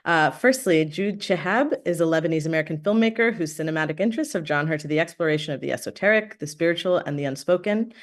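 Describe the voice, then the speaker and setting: A woman's voice: deep voice, animated, fast talker, few pauses. A woman moderating a panel discussion, thanking organizers and introducing panelists with frequent fillers.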